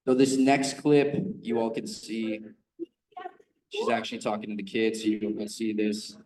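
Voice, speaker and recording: A man with a somewhat low voice gives a casual presentation and leans on fillers as he goes. He sounds a bit far from the mic, in a room with a noticeable echo. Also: level tone, slow pace, a little mellow. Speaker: presenter of a report-back. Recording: roomy, distant mic.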